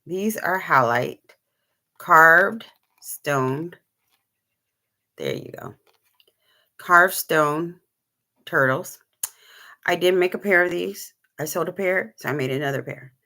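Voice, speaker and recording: Gravelly low-voiced woman chatting on a live stream. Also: takes it slowly, pauses often, bright, forceful tone. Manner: rambling, many ums, shows items to camera. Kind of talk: casual live-stream chat.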